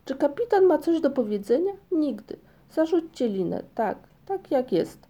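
A woman's voice: high voice, very animated, normal speed, dark tone, pitched above the performer's own voice. A woman voicing a bossy, self-important little male creature with a sarcastic, commanding manner, read as an audiobook. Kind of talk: audiobook reading.

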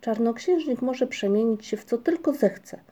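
An easygoing young troll wanderer who spins tall tales in a matter-of-fact way, as a woman reads him. The voice is mellow and warm, slightly lifted above the reader's own. It is a storybook character in an audiobook. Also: on the high side, expressive, normal speed, pitched above the performer's own voice. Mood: calm storytelling.

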